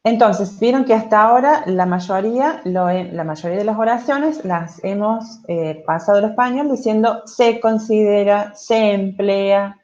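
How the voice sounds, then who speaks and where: This online English lesson comes from a Spanish-speaking woman whose medium-pitched voice is a little mellow, heard through dull audio. She takes her time, explains patiently, and checks in with "¿sí?" and "¿ok?".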